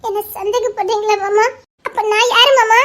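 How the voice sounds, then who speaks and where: Frightened young woman for an audio drama a woman acts her: very high, bright, shaky and tearful. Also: steady tone, normal speed. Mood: desperate. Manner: tearful, shaky, laughing through sobs. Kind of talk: Tamil serial-style audio drama.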